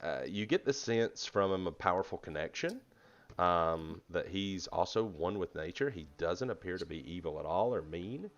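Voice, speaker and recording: A man narrating as game master of a tabletop fantasy game, relaxed and chatty, with many fillers. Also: sits low, moderate pace. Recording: slightly dull lo-fi mic.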